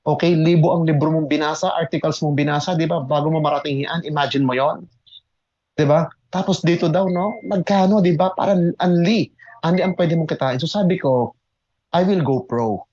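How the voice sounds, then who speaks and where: A man who mentors in network marketing tells his own story to an online audience, excitable and emphatic, often repeating words and switching between Tagalog and English. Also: a little high, brisk, muffled recording. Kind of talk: motivational testimony to an online audience.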